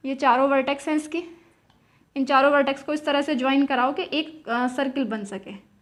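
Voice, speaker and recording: High-pitched woman teaching math. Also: fairly even intonation, moderate pace. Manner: asks questions and answers them herself, repeats key terms. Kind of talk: explaining at a whiteboard.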